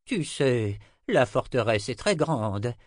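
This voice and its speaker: A man's voice: mid-range voice, sing-song, slow pace, no room sound, clean studio sound. A man doing a kindly old wizard. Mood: gentle. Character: kindly old male wizard, wry and gentle. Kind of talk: audiobook character reading.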